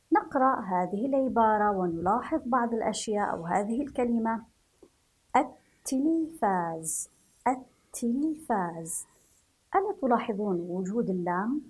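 A woman teaching first graders to read, stretching out each word slowly and praising them softly. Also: mid-range voice, slightly rough, low-quality recording. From Yemen. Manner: slow, drawn-out syllables for children, praising softly. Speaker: primary school teacher. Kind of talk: children's reading lesson.

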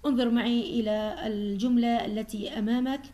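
A woman teacher with a Jordanian accent and a high voice leads a grammar review for young pupils. She talks slowly and deliberately. She repeats the key words so the class can follow along. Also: fairly even intonation, dark tone.

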